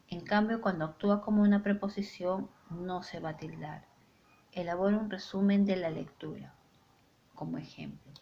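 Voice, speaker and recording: A woman teacher giving a spoken grammar lesson, with a clear, deliberate delivery and stressed example sentences. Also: medium pitch, darkish tone, highs cut off.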